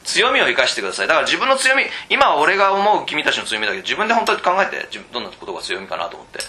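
A man coaching cram school teachers in a casual lecture, teasing them bluntly and often pausing to ask whether they follow. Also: on the high side, big pitch swings, sharp tone. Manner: keeps checking in with rhetorical asides.

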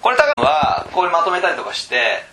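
A man training teachers in a casual lecture, chatting with the room, asking questions and swinging between loud and hushed. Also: high-pitched, wildly swooping pitch, a little fast, creaky, noisy background. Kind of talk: lecture to tutors. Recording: roomy echo.

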